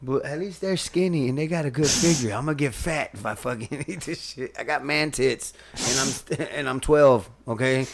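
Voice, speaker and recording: A man's voice: mid-range voice, moderate pace, gravelly, few pauses, a little hiss or hum. A man hosting a casual podcast chat, joking, swearing and laughing a lot. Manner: laughs often, profane, jokey. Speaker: podcast host.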